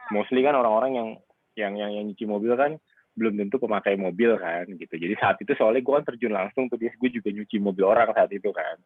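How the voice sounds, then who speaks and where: A man talks over a phone line in a relaxed, rambling way, full of fillers. His voice sits fairly low and comes through thin and tinny, with a dry, close sound. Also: fast talker, breathy edge, dry recording. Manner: chatty, rambling, uses many fillers. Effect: heard over a phone line. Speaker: car wash owner. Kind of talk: casual interview over a call.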